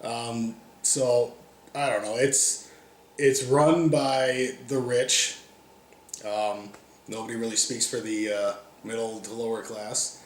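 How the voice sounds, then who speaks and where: An American man answering interview questions in a relaxed, casual way with frequent ums. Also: medium pitch, slow. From United States. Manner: relaxed, many ums and uhs. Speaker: interview guest. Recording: echoey room, faint background noise.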